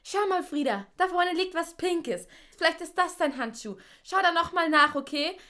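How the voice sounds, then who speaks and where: A woman voicing a busy, caring kindergarten teacher in a children's audio drama, brisk and practical. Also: extremely high pitch, expressive, sharp tone, exaggerated voice.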